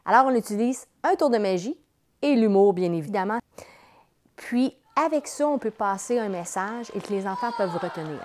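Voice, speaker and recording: A woman's voice: medium pitch, expressive, normal speed. A woman with a Quebec accent enthusiastically explaining her children's show in a promotional interview. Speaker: children's entertainer, company president.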